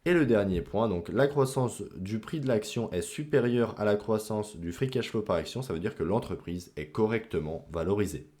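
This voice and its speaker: Chatty man explaining investing, low mellow voice. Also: animated, moderate pace, hardly any pauses. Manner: chatty, filler-heavy, self-mocking asides. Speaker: investing channel host. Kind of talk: casual screen-share explainer.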